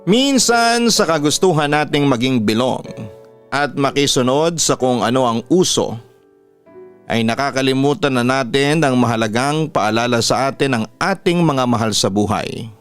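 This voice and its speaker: Over background music, a male radio announcer with a Filipino accent delivers a scripted first-person story as host. His mid-range voice has lively intonation and a moderate pace.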